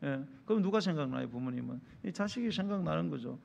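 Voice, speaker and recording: 생동감 있게 설교하는 남자 목사. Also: male voice, fairly high pitch, expressive, quick pace, vocal fry, darkish tone, slight background noise. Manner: acts out dialogues in character voices; asks the congregation rhetorical questions. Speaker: pastor. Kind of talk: sermon. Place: church sanctuary.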